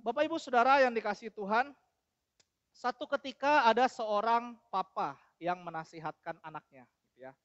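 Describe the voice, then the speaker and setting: A man's voice: high voice, a bit bright, no echo, dull audio. Man preaching a sermon. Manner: addresses congregation often, acts out dialogue in anecdotes. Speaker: evangelist preacher. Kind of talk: sermon with scripture reading.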